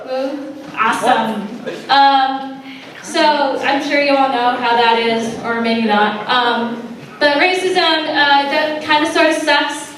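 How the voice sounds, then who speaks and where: A young woman performing a stand-up set at a college open mic, deadpan and hesitant with many ums, recorded from a distance in a roomy hall with an audience. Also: high voice, takes it slowly, a little hiss or hum. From Sri Lanka. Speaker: stand-up comic.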